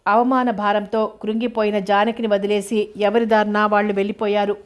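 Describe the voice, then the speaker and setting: A woman narrating a novel in a steady, even storytelling manner. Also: mid-range voice, normal speed. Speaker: audiobook narrator. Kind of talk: novel reading.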